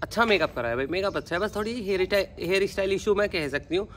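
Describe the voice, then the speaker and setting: A woman's voice: mid-range voice, lively intonation, fast talker. A woman with a Haryanvi accent chatting casually to her viewers in a vlog, calling them brother. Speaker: vlogger.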